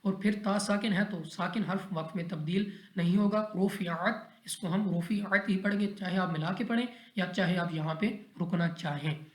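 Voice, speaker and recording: A man's voice: high voice, fairly even intonation, normal speed. A man teaching Quran recitation rules step by step in a methodical, repetitive way, often checking in with his listeners. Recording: echoey roomy recording.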